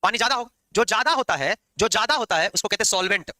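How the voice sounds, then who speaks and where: A man teaching chemistry in a classroom lecture, lively and teasing his students as he explains. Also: sits high, racing, no room sound. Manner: lively, scolding and joking with students.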